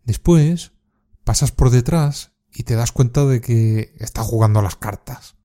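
A man from Spain teaching informal Spanish words, speaking slowly and carefully and repeating each word for practice. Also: medium pitch, warm tone. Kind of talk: scripted slang lesson with repeat-after-me drills.

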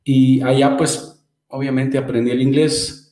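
A man's voice: mid-range voice, flat delivery, unhurried, warm tone, echoey room, poor audio. A man in his thirties, from Mexico, chatting as a podcast guest and often repeating words as he starts a thought. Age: 30s. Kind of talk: casual interview chat.

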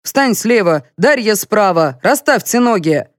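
A woman's voice: mid-range voice, animated, a little slow, no room sound, studio quality, voice pushed up, close to an everyday voice. A woman voicing a pompous, bossy male colonel. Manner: lecturing, condescending, bossy. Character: pompous bossy middle-aged male police colonel, portly. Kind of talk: audiobook character voice.

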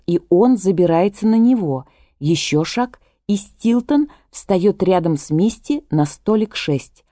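A woman narrates a literary audiobook in a measured, even way. Her voice sits low and mellow. The recording is close and dry. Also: no echo.

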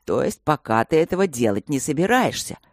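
A woman's voice: sits low, big pitch swings, brisk, dry recording, clean studio sound, heavily acted. A woman voicing a burly, overprotective fantasy father who grumbles in a tipsy, doting way. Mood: grumbling.

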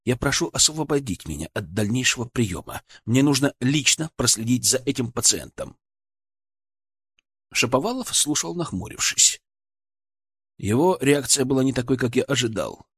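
Animated male audiobook narrator. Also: medium pitch, moderate pace, slightly rough, no room sound, studio quality. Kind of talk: first-person audiobook narration.

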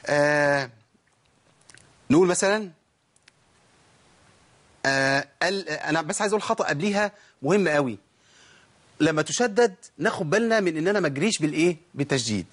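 Fast-talking Egyptian man teaching recitation. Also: a little high, expressive, a bit bright. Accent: Egyptian Arabic. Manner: explains quickly, then recites words slowly and drawn out; chatty, asks and answers his own questions. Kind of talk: tajweed lesson with recited examples.

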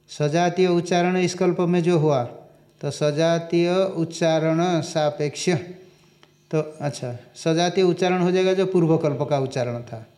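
A man giving a scripture lecture, reciting Sanskrit lines slowly and explaining them, asking questions and answering them himself. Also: high-pitched, dark tone. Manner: slow and deliberate, recites Sanskrit and explains it in Hindi. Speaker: Vedanta teacher.

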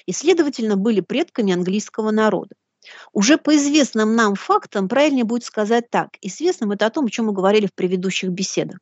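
A woman giving a deliberate, didactic lecture in bookish phrasing, reading out quotations as she goes. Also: mid-range voice, lively intonation, no room sound, lo-fi sound. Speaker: lecturer hosting a live broadcast.

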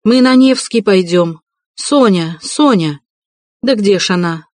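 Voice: animated, takes it slowly, no echo. A reader voicing a proud, frantic impoverished widow, raised and strained, in an audiobook reading. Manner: haughty then shrill and desperate.

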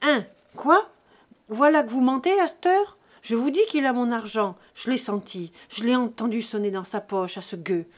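A woman voicing a furious, greedy grown peasant son who shouts accusations at his aged parents. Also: medium pitch, animated, a little slow, hardly any pauses, slightly rough, full character voice.

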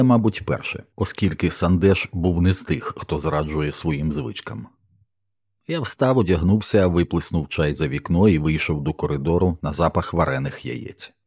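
A man narrates a novel in the first person with a steady, measured storytelling delivery. His voice sits extremely low and carries a husky, slightly rough grain throughout. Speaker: audiobook narrator.

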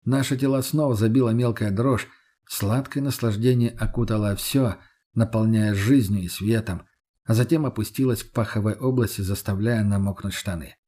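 A man narrating a first-person story audiobook in a measured, steady reading voice. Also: on the low side, breathy edge.

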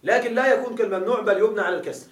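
Man teaching grammar, high voice, quizzing students, distant mic. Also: rapid-fire, noisy background. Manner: quizzing students with repeated questions. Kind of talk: classroom grammar lesson. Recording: echoey room, mic far off.

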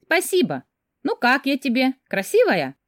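A woman reading an audiobook, voicing a flippant, scheming young woman with a high, sing-song manner. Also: huge pitch swings, moderate pace, dry recording, studio quality.

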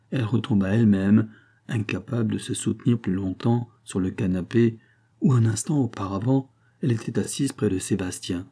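A man reading a classic novel aloud with a measured, even delivery. His voice is dark, low and husky, suited to long-form audiobook narration. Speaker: audiobook reader.

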